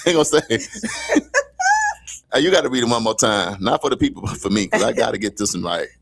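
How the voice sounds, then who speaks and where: Husky, gravelly man joking on air. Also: medium pitch, expressive, brisk, a bit bright. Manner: joking, teasing, laughs often. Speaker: co-host. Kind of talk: playful live banter.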